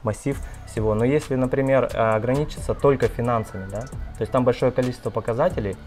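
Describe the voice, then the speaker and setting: Guy hosting a business chat, asks long rambling questions, soft music underneath. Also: medium pitch, quick pace. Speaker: interviewer, channel host. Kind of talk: casual interview.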